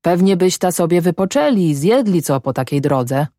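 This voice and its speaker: A woman voicing a gruff but kind middle-aged peasant man in a storybook, with plain folksy speech. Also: fairly low pitch, expressive, normal speed, mellow, dry recording, studio quality, natural voice. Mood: curious.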